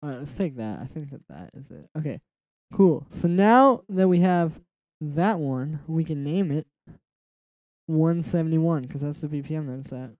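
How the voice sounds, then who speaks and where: A young man hosts a laid-back music production livestream from his small home room, speaking at normal speed in a nasal, slightly high voice. His relaxed, rambling talk is full of "like" and mumbled self-asides, and the recording is dry and muffled.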